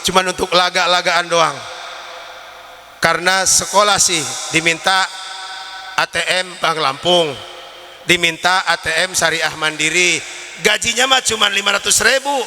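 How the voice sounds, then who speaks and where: A man's voice: high voice, fairly even intonation, measured pace, pauses often, sharp tone. A man, preaching a sermon full of jokes and stories. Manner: joking storyteller, shifts between Indonesian and Sundanese. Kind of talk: comic religious sermon. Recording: reverberant hall.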